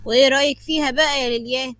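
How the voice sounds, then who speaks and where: A woman voicing a calm, suspicious elderly father with an Egyptian Arabic accent. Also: a little high, brisk, dry recording. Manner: calm, knowing.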